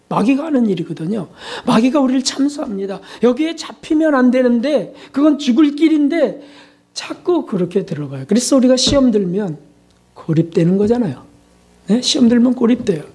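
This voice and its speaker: A pastor with a warm, mid-range voice preaches in full sermon mode. His delivery is emphatic and insistent, repeating key words and leaning heavily on rhetorical questions.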